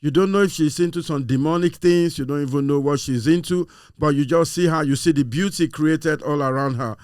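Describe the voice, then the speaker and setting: A man's voice: on the high side, fairly quick, a little mellow, no echo, clean studio sound. A man in a casual discussion, speaking earnestly and reflectively with some fillers. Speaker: show guest.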